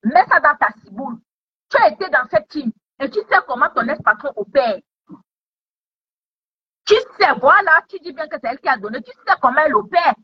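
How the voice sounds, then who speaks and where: A woman's voice: sits high, sing-song, moderate pace. A woman giving heated commentary online, scolding someone with repeated taunting questions. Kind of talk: heated social media commentary. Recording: dull lo-fi sound.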